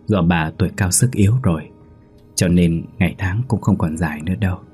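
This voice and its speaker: A man voicing a calm doctor giving grim news. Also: deep voice, a little fast, slightly rough, soft background music. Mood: grave.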